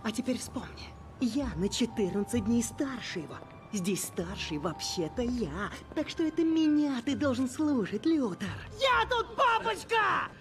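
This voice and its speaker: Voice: medium pitch, lively intonation, fairly quick, faint music behind, natural voice. An actor in a dubbed drama playing an unhinged, sarcastic, short-tempered man who sounds like a manic villain. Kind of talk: dubbed screen drama acting.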